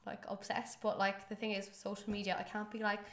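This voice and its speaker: A chatty woman co-hosting a podcast, her voice at a middle pitch. She tells a dating story in a casual flow, full of fillers. The sound rings in an echoey room. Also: level tone, quick pace, a bit bright. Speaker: podcast co-host. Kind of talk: casual chat.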